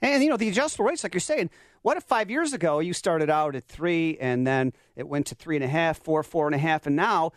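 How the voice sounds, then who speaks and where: A man hosting a radio talk show, bantering in a lively, teasing way. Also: a little high, brisk, no echo, clean studio sound.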